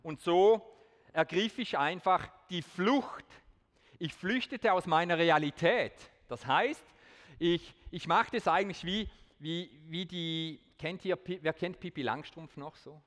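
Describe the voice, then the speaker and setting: A man with a slightly high voice gives an earnest testimony talk in a big hall, lightening it with self-mocking asides. A long hall reverb trails behind every phrase. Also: measured pace, fairly bright tone. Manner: switches to standard German for the audience. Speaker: speaker giving a testimony talk. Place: large hall with an audience.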